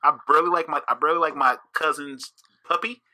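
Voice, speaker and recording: A man's voice: fairly high pitch, steady tone, fast talker, bright, forceful tone. A man co-hosting a podcast, talking bluntly and profanely in casual chat. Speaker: podcast co-host.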